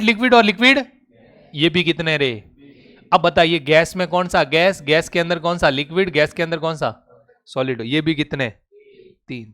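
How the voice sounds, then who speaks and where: Male teacher, high-pitched voice, runs a rapid question-and-answer drill and coaxes his students to answer. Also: sharp tone, clear, resonant tone. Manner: coaxing, calls students "beta". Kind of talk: classroom lecture.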